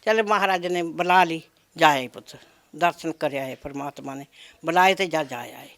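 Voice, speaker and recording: A woman's voice: low-pitched, moderate pace, fairly bright tone. An older woman speaking in a devout, prayerful way in a casual chat. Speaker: village interviewee.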